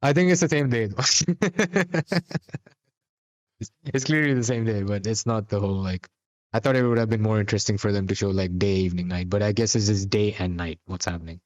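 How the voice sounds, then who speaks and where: A man's voice: on the low side, steady tone, a little fast. A man co-hosting a podcast, recapping a TV episode in a rambling, casual chat full of fillers and restarts. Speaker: podcast co-host.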